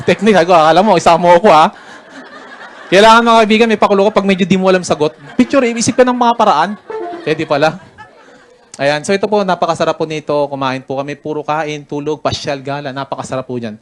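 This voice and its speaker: A man's voice: fairly high pitch, fast talker. A Filipino man, a business mentor, giving a chatty, joking motivational talk full of stories and laughter. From Philippines. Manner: chatty, jokey, laughs while telling stories. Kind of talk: motivational story-telling talk.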